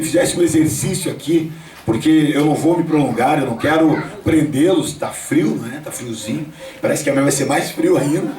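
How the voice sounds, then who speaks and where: High-voiced pastor preaching at home. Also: male voice, a little hiss or hum. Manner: storytelling, addresses listeners directly. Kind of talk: home worship sermon. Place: home, gathering of family and church members. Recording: echoey room, voice from a distance.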